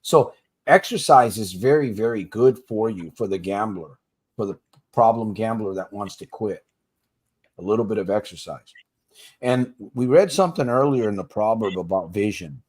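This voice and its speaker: A man's voice: on the low side, animated, normal speed, darkish tone, breathy edge. A man hosting a casual livestream for gamblers in recovery, plain-spoken and slangy, coaching listeners directly and laughing easily between points. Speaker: podcast host for gamblers in recovery.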